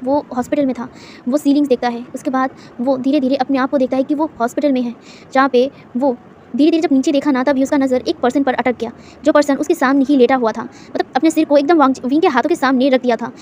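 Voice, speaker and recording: A woman's voice: high-pitched, fairly even intonation, fast talker, a little mellow, a little hiss or hum. A woman narrating a fan story in a casual, chatty way, full of fillers and asides.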